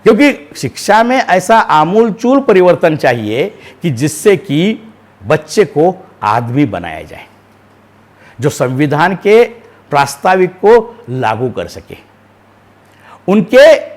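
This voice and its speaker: A man giving a lecture on education, oratorical, posing rhetorical questions and swinging between loud and soft. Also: on the high side, very animated, takes it slowly. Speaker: webinar speaker on education. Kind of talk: public lecture.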